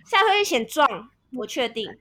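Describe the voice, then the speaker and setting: A woman's voice: fairly high pitch, sing-song, normal speed, sharp tone. A woman in her thirties from Vietnam, chatting casually as a co-host, laughing often and explaining things at length. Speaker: podcast co-host. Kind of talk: casual chat.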